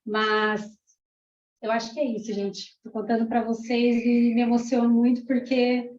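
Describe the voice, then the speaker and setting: A woman's voice: fairly high pitch, level tone, moderate pace. A woman from Argentina, a parapsychologist and teacher in her thirties, giving an emotional, chatty testimonial to a class. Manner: warm, emotional, chatty, many "né"s. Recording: roomy, dull lo-fi room sound.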